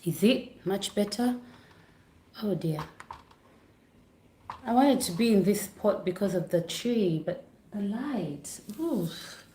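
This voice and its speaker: Speaking slowly with long pauses, a woman from Uganda chats casually to her livestream audience from her living room beside a Christmas tree, using a computer setup. Her medium-pitched voice is expressive; she's apologetic and easily sidetracked, and the sound is reverberant with background noise.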